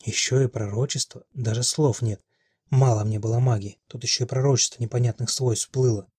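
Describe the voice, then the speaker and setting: Cold sardonic princess, husky and low-key, man reading. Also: fairly even intonation, a little fast, darkish tone, no echo, lightly acted. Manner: dry, curt, sardonic. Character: cold, haughty young woman, a cursed princess.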